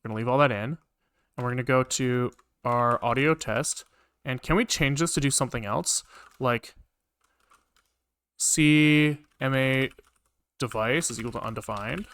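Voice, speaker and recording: With a mid-range, smooth, slightly bright voice, a man talks at a measured pace and pauses often, with no echo in the recording. He's livestreaming code, musing aloud, mumbling to himself, repeating phrases and swearing at times. Keys click and tap behind him.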